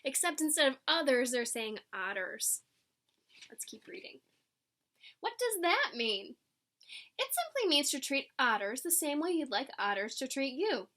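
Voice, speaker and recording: With a high-sitting voice and measured pace, a woman reads a picture book to kids in a teacherly style. She's animated and explains as she goes, performing the lines and tossing in asides.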